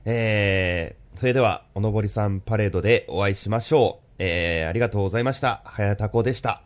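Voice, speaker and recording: A man's voice: lowish voice, fast. A man with a nasal, congested voice from hay fever, leaving a formal, polite congratulatory voice message as a listener. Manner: formal, polite, frequent filler phrases between short chunks.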